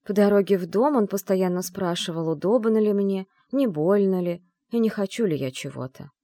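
A woman reading a first-person novel aloud in measured storytelling narration. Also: mid-range voice, dark tone, no room sound, clean studio sound. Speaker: audiobook reader. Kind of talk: scripted narration.

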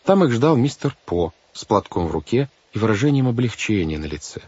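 Husky male audiobook narrator. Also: on the low side, big pitch swings, fairly quick, darkish tone, no echo. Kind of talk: scripted narration. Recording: dull lo-fi audiobook recording.

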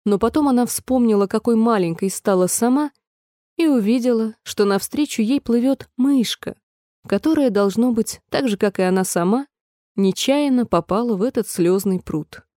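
A woman reads a storybook aloud in a measured, gentle way. Her voice sits somewhat high but sounds mellow and soft, and the close, dry recording has almost no room sound. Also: dry recording. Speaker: narrator. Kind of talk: storybook narration.

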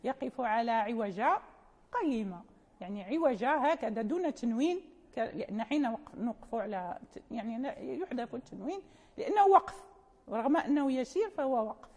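A woman's voice: a little high, lively intonation, fairly quick, darkish tone, in a large hall. A woman teaching Quran recitation in an informal classroom lecture, patiently explaining and quoting verses and poem lines in a chanting lilt.

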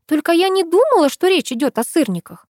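A woman's voice: extremely high pitch, big pitch swings, brisk, dry recording, clean studio sound, pitched above the performer's own voice. A woman reading the part of a feisty, scolding young heroine in an audiobook. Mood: sarcastic. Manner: sharp, scolding, shouting. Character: bossy feisty young woman, quick to fight.

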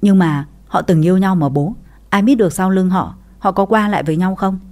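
A woman voicing a blunt, sharp-tongued young sister-in-law in a read-aloud story. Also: medium pitch, brisk, close to an everyday voice. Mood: plain.

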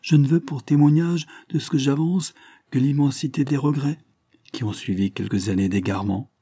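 A man voicing a gentle, earnest young woman pleading with her cousin in a storybook reading. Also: medium pitch, moderate pace, husky, no room sound, studio quality, voice pushed up. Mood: pleading tender. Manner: pleading, impassioned.

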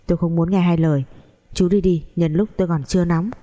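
A woman's voice: fairly low pitch, steady tone, fairly quick, dark tone, lightly acted. A woman voicing a young male company boss with a curt, stern way of talking. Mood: angry.

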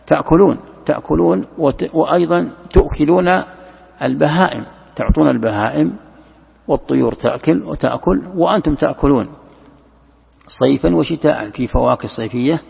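A male religious teacher lectures with a heavily gravelly, husky voice, walking through each point and answering his own questions. The recording is dull and lo-fi, with a long reverb from a large hall. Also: mid-range voice. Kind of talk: classroom lecture commentary.

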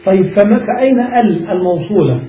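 A man with a high voice and a mellow, soft tone teaches grammar to a class. He goes over each point more than once and keeps asking whether his students follow. He is heard from a distance in a roomy space with faint noise behind him. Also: expressive, fairly quick. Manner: checks understanding with the class, repeats and restates points. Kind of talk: classroom lesson explaining a grammar text.

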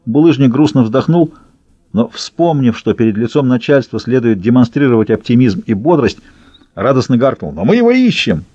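Dark-voiced male audiobook narrator. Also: medium pitch, moderate pace, no room sound. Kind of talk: scripted narration. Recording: slightly dull dry recording.

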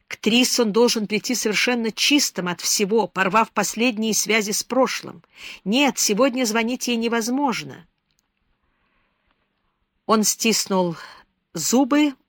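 A woman reading an audiobook novel in a steady, measured narration, close to a dry microphone. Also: on the high side, no echo.

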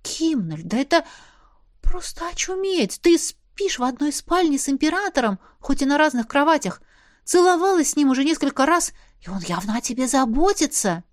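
A playful, prodding werewolf girl who clearly enjoys needling her friend, as a woman reads her. The voice sits fairly high and the recording is close and dry. She sounds amused and knowing, like she already has the answer. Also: animated, moderate pace, no room sound, close to an everyday voice. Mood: teasing.

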